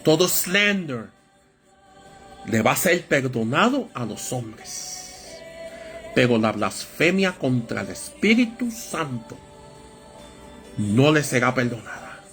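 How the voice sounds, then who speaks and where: A man preaching a Bible study sermon, with a lively storytelling manner that acts out voices in anecdotes. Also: medium pitch, slow pace, pauses often, soft background music.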